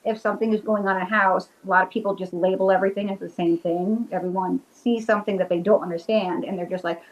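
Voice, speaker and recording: Quick-paced and fairly even in intonation, this medium-pitched woman comes through with the highs cut off. She's a Rhode Island witch and paranormal investigator, guesting on a casual video-call interview and chatting eagerly with her accent and many "like" fillers.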